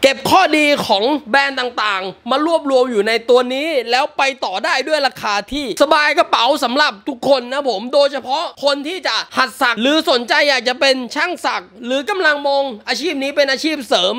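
A man's voice: very high voice, brisk, hardly any pauses, sharp tone. A man delivering a scripted promotional voice-over as a product seller.

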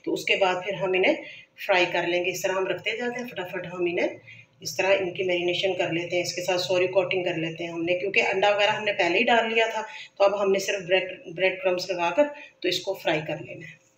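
This cooking channel host speaks in a bright, forceful, medium-pitched voice while teaching a recipe from her echoey home kitchen, with a little hiss or hum in the recording. She guides viewers patiently step by step, sprinkling in blessings and frequent self-corrections.

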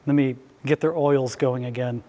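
A middle-aged chef with a dark-toned, mid-range voice speaks at normal speed with fairly even intonation. He gives an informal, easygoing cooking demonstration live in an indoor hall, conversational and inviting questions from the small audience.

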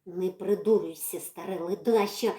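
A woman's voice: moderate pace, mellow, close to an everyday voice. A woman voicing an indignant male ginger tomcat who shrieks threats and meows in the middle of his sentences, for a storybook. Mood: scolding. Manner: shrill, meowing mid-sentence. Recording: echoey room.

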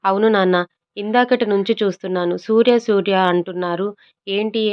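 A woman's voice: medium pitch, fairly even intonation, fairly quick, clean tone, highs cut off, close to an everyday voice. A woman voicing a playful young husband in a storybook who pleads and teases. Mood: pleading. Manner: pleading and teasing.

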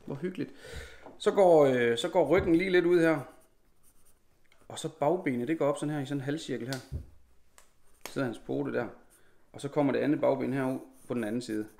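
A man in his thirties teaching a live online drawing lesson from home, calmly narrating each stroke as he draws. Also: medium pitch, gravelly, long pauses.

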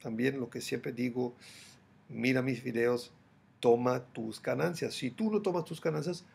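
A gravelly, slightly husky man in his forties speaks with a German accent, addressing the viewer directly as he runs through daily market commentary. He gestures a lot and keeps a lively, chatty manner. His webcam audio carries the feel of a small hotel room. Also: mid-range voice, a little slow. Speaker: crypto YouTuber.

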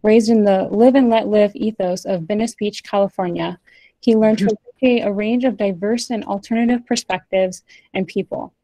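A young woman moderates an online panel and reads bios in a steady, measured way. Her voice is mellow and dark-toned. The sound is dry and close, as on a video call. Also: medium pitch, dry recording, low-quality recording. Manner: measured, scripted reading.

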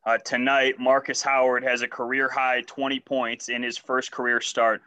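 A man's voice: mid-range voice, little pitch movement, moderate pace, bright, forceful tone, smooth. A male reporter casually asking a press conference question.

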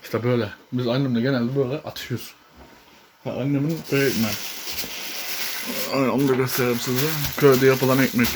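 A man chats on camera from a village kitchen, easygoing and teasing as he talks. His voice sits at a middle pitch. A faint room hum runs under the home vlog. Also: steady tone, a little fast, pauses often. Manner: chatty and teasing, often laughing. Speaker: vlogger. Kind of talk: casual home vlog chat. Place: village house kitchen, indoors.

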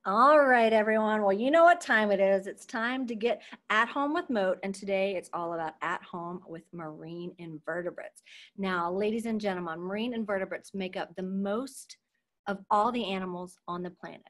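A woman's voice: mid-range voice, normal speed, a bit bright. A young adult woman teaching an online marine science lesson to children over a video call, in an upbeat, chatty teacher voice that keeps checking in with "okay?". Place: at home.

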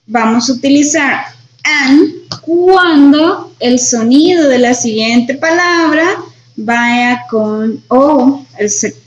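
A woman teaching English grammar in a class, patient and repeating each point with "right?". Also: sits high. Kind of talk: online class explanation. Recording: roomy, dull sound with faint noise.

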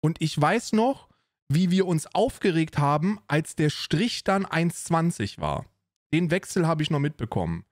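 A man's voice: on the high side, very animated, measured pace, dry recording, studio quality. A man streaming a casual reaction commentary, talking bluntly in slang and ranting.

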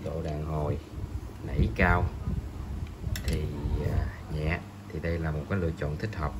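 A man reviewing a fishing rod in a hesitant voice-over, pausing often and filling gaps. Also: rumbling low, flat delivery, background noise. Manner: slow, hesitant, many pauses and fillers.

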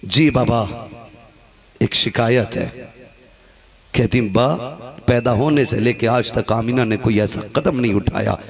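A man preaching a sermon who acts out the story voices, dropping to hushed lows and rising to shouted peaks. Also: takes it slowly, gravelly, pauses often. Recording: live crowd behind the voice. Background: crowd responding.

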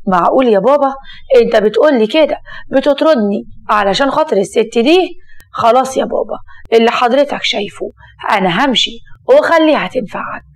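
A woman's voice: fairly high pitch, lively intonation, a little fast, close to an everyday voice. A woman voicing a young husband who speaks in an earnest, wounded way. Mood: hurt. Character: hurt young husband, loyal son.

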